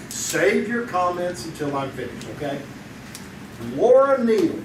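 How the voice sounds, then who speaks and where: An actor playing a stubborn, loyal newspaper crime photographer, defensive and slangy, in a live old-time radio drama. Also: male voice, high-pitched. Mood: firm, urgent. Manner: defensive, insistent, tough slangy talk. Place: theater stage, performed live. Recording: distant, echoey live stage, noisy room.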